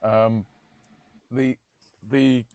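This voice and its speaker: A man speaking in a remote technical meeting over a garbled, breaking-up connection, talking haltingly with repeated restarts. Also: mid-range voice, level tone, gravelly, a little mellow, muffled recording. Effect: garbled, breaking-up online call audio. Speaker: meeting participant.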